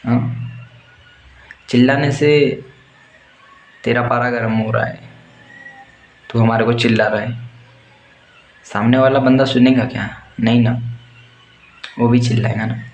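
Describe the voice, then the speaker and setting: A man's voice: mid-range voice, steady tone, unhurried, long pauses. A young man gives blunt, crude, fired-up life advice in a casual motivational monologue. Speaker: warehouse worker giving life advice. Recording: roomy echo, faint background noise.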